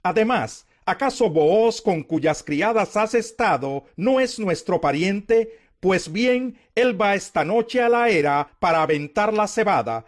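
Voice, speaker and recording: Man playing older mother-in-law, high voice, motherly, guiding, caring scripture dialogue. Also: animated, a little slow, few pauses. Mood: caring instruction. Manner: motherly, advising.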